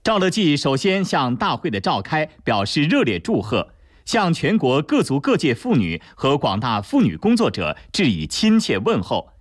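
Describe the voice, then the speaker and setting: A man's voice: on the high side, huge pitch swings, normal speed, dry recording, clean studio sound. A man with a standard mainland Mandarin accent giving formal, solemn, declamatory scripted news narration.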